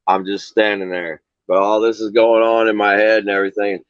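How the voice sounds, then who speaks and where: A low-voiced man with an Ozarks accent rambles in a folksy, easygoing way, laughing now and then. His voice comes through dry, dull online call audio. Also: little pitch movement, fairly quick, smooth, no room sound. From Southern Missouri. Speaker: caller. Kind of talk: casual chat.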